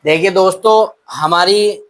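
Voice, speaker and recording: A man with a slightly raised voice teaches a shorthand lesson at a very unhurried pace. He explains each step patiently and speaks kindly to his students, pausing often as he works through each example. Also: sits high, a bit bright, low-quality recording. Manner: slow, patient explaining, addresses students as "beta".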